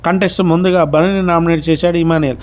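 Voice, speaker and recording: High-voiced man recapping reality drama. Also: fairly even intonation, fast, a little mellow. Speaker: reality show recap narrator. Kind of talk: spoken recap narration.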